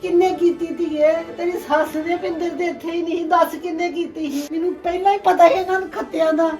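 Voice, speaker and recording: A woman's voice: very high voice, steady tone, brisk, a little mellow, faint music behind. An actress playing a middle-aged mother who wails and pleads with her returned daughter. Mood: weeping, pleading. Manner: wailing, pleading questions. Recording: echoey room, distant mic.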